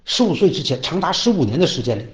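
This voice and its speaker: A man's voice: a little high, very animated, fast. A man speaking enthusiastically in a casual talk, often checking with the listener by asking "right?".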